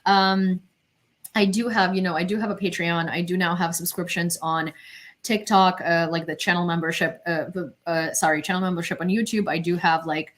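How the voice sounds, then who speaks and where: A woman's voice: lowish voice, steady tone, moderate pace, a bit bright. A young woman reads out news headlines and rambles between them on a home webcam. She talks casually and self-consciously, full of fillers and restarts. She sounds like she is alone at a desk in her bedroom. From Ukraine. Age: young adult. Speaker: independent journalist. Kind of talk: casual news livestream commentary.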